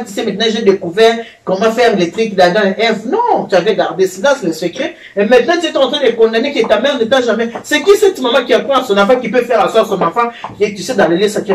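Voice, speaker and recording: An older woman hosting a home cooking show and giving marriage advice, with a teasing, animated way of talking. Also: on the high side, fast, few pauses. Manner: chatty, teasing, animated storytelling. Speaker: host, grandmother. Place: home kitchen. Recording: echoey room, voice from far off, faint noise.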